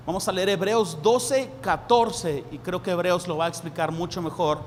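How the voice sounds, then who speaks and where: A man preaching a sermon as a pastor, acting out lively dialogues in a raised voice. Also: sits high, normal speed. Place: church hall. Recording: reverberant hall, faint room noise.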